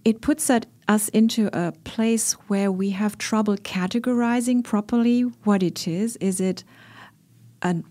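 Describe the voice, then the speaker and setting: A woman professor and podcast guest who speaks in a thoughtful, academic way, pausing often with fillers. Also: mid-range voice, fairly even intonation, warm tone. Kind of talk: academic conversation.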